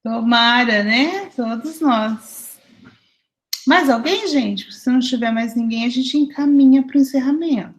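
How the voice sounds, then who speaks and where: Middle-aged Brazilian woman, group coordinator; higher-pitched, chatty storyteller on a video call. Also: a little slow, low-quality recording. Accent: Brazilian Portuguese. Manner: chatty storytelling, often asks the group for agreement. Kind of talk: informal spiritual study group talk.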